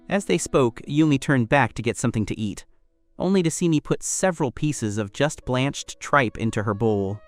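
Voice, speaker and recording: A man narrating a story recap in first person, in a steady scripted storytelling read. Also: mid-range voice.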